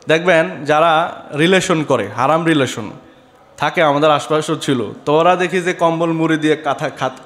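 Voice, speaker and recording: A man's voice: on the high side, in a large hall. A man preaching a sermon on a microphone, exhorting his listeners and asking them rhetorical questions.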